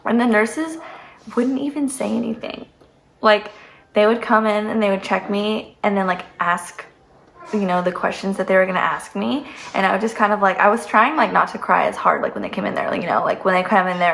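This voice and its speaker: Seated at home, a woman in her twenties tells a personal story for her vlog, heartfelt and near tears, filling it with lots of "like." Her voice is medium-pitched and gravelly with a fairly bright tone.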